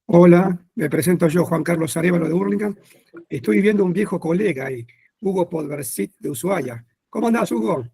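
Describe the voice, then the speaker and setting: A man's voice: sits high, brisk, dark tone, slightly rough. A man introducing himself and greeting an old colleague on a video call. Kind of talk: casual greeting.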